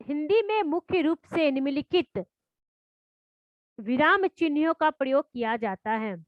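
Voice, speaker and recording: Woman, school teacher, slow deliberate explaining, asks pupils questions, muffled dry recording. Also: sits high, lively intonation, no echo. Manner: reads definitions slowly, then explains with questions to pupils. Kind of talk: classroom grammar lesson.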